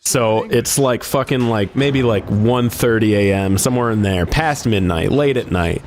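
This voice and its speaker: A man's voice: lowish voice, moderate pace, slight background noise. A man hosting a casual game stream, telling rambling stories full of fillers and swearing. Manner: rambling storyteller, heavy on "like" and swearing. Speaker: streamer host. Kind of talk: casual gaming stream chat.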